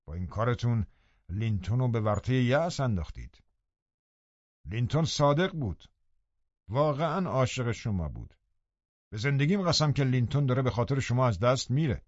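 A man's voice: mid-range voice, no echo, lo-fi sound. A man voicing a scheming, brooding middle-aged landowner who talks in a menacing way. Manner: menacing, then loudly pleading.

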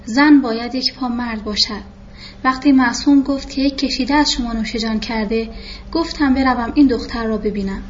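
A woman's voice: a little high, lightly acted. Woman playing a stern, imperious older matriarch. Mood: blunt. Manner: blunt, imperious. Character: stern older woman, domineering matchmaking mother. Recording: muffled with faint hiss.

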